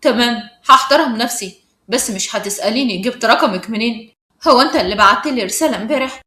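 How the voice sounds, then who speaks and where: A woman's voice: a little high, fast talker, sharp tone, echoey room. A woman with an Egyptian accent voicing a sly, scheming teenage schoolboy who taunts a classmate in a smug way. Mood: taunting. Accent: Egyptian Arabic.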